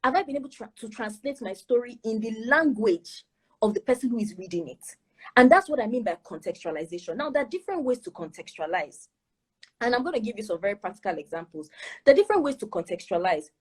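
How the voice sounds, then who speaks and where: A woman's voice: on the high side, big pitch swings, fast, slightly rough. A Nigerian woman giving admissions advice on an online show, emphatic and full of rhetorical questions. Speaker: guest speaker on admissions.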